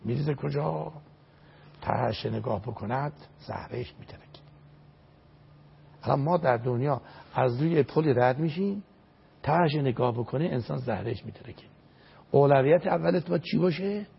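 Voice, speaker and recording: Gravelly older man, emphatic preaching. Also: on the high side, expressive, a little hiss or hum. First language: Azerbaijani. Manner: emphatic, recites Arabic verses, repeats phrases for stress. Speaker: religious scholar. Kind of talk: religious lecture in an interview. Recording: dull lo-fi recording.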